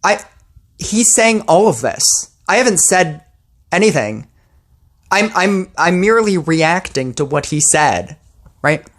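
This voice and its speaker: A woman's voice: lowish voice, lively intonation, measured pace. A woman posting a ranting commentary video about a mobile game, sarcastic and exasperated.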